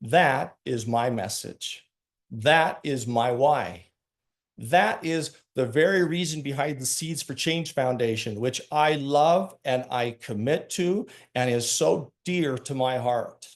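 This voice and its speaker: A man telling a heartfelt personal story as a speaker, earnest and emphatic, slowing down to stress his key lines. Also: mid-range voice.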